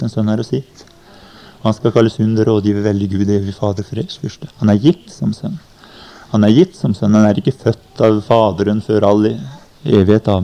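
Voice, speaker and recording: A man's voice: mid-range voice, creaky, warm tone. Man preaching on old cassette tape. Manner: plain teaching tone with scripture quotes and "ikke sant". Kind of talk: sermon. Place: summer convention meeting. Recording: 1990 cassette recording, uneven quality.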